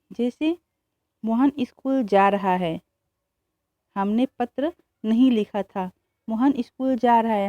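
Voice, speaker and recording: A woman teacher explaining a grammar lesson slowly, repeating examples and answering her own questions. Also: a little high, no room sound. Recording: dull, muffled dry recording.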